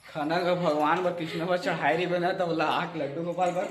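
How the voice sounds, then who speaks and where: A man's voice: fairly high pitch, flat delivery, brisk, slight background noise. A man with a Chhattisgarhi accent narrating a casual family vlog outdoors, chatting to viewers as friends while showing his home. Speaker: vlogger host. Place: outdoors around a house and rooftop. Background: background music.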